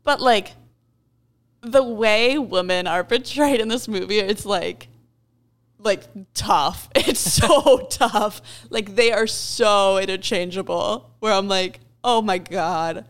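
A woman's voice: medium pitch, slow pace. A woman co-hosting a casual film review show, colloquial and emphatic, with frequent exclamations.

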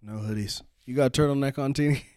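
A man's voice: mid-range voice, quick pace, dark tone, no echo, clean studio sound. A man hosting a podcast with crude, slangy bro talk and raunchy joking banter. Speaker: podcast host.

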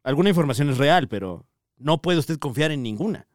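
A Mexican man co-hosting a comedy podcast, his voice swinging widely up and down as he talks. He is quick to laugh and to chime in with agreement. The recording is dry and close, with his voice sitting a little high. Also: expressive, no echo. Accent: Mexican Spanish. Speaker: podcast co-host. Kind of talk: casual comedy podcast banter.

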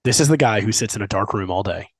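Co-hosting a casual podcast, a man teases his partner playfully and sometimes erupts into exaggerated enthusiasm. He talks fast in a lowish voice with lively intonation. The sound is studio quality, with no room sound.

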